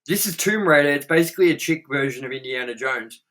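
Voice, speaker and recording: A young man co-hosts a movie review show, talking fast in a slightly high voice. He's blunt and casual, animated, and swears plenty.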